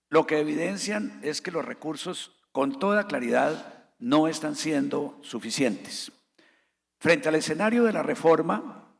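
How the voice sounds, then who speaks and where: A man moderating a formal panel, measured and structured, laying out points in order. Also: fairly high pitch, vocal fry, big-room sound. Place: conference hall.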